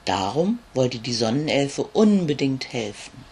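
A storyteller voicing a big, friendly male raven who croaks and speaks in a kindly, obliging way. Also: mid-range voice, big pitch swings, measured pace, a little mellow.

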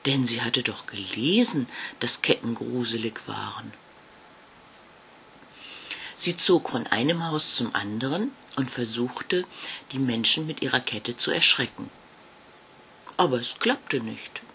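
A man reading a German children's bedtime story aloud, slow and expressive. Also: mid-range voice, vocal fry, slight background noise.

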